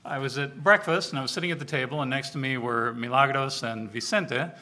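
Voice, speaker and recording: In a mid-range voice at a fairly quick pace, a preacher in charge of church outreach addresses his congregation with a sermon built on casual storytelling. He recounts personal experiences in a lively, conversational way, voicing the dialogue himself.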